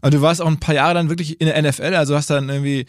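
Chatty man hosting, slightly high voice. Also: steady tone, very fast, dry recording. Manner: chatty, searching for words. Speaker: podcast host. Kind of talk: casual interview questions.

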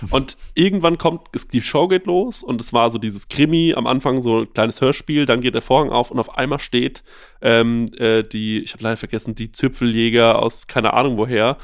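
A man's voice: mid-range voice, moderate pace, dry recording. Chatty man telling stories, dry sound. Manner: animated storyteller, many fillers. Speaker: podcast host, guest here. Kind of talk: casual interview chat.

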